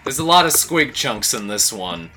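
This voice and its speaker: A man's voice: medium pitch, very animated, moderate pace, over music. A man co-hosting a casual podcast, loose and joking, swearing often and laughing. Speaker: podcast co-host. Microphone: own mic, recorded separately.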